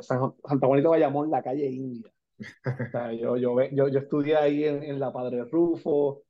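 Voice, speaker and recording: Speaking as an interview guest, a Puerto Rican basketball agent in his 40s chats casually, mixing Spanish with English and leaning on many fillers. He has a mid-range voice, and the recording loses its highs.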